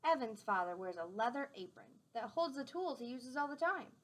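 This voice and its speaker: Reading a picture book aloud to small children, a woman sounds expressive and teacherly, adding simple explanations along the way. Her pitch is fairly high and her pace moderate.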